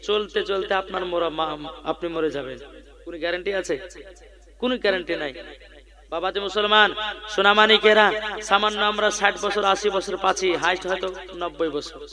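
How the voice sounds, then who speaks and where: A male preacher who sings his sermon, tells stories in a fast, pleading voice and leads call-and-response chants at a night gathering. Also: sits high. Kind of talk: sung and chanted Bengali waz sermon. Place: open-air gathering at night.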